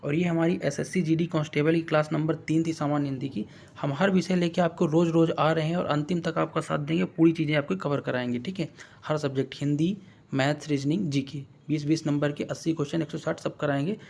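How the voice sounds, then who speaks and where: A man teaching an exam-prep lesson in a casual spoken style, quizzing his viewers and slowly stretching out words to spell them. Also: on the high side, steady tone, creaky, a little mellow.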